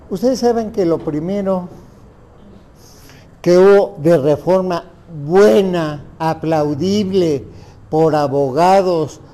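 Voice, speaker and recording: A man's voice: sits high, dark tone. A man with a Mexican Spanish accent giving a lecture on family law, asking the audience rhetorical questions.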